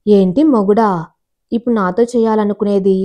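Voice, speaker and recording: A woman's voice: mid-range voice, steady tone, moderate pace, warm tone, natural voice. Woman voicing a coy teasing young woman.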